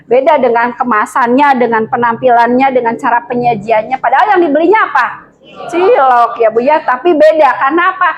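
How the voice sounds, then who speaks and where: A woman's voice: sits high, brisk, lo-fi sound. A woman with a Sundanese accent giving a lecture to a class of mothers, often asking them questions. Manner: lively, addresses the class with frequent questions. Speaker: teacher at a women's school.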